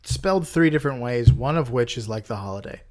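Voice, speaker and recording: A man's voice: medium pitch, expressive, quick pace, darkish tone. A man hosting a casual podcast, reading out trivia questions and hints in a plain, teasing way. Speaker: podcast host. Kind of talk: casual podcast quiz chat.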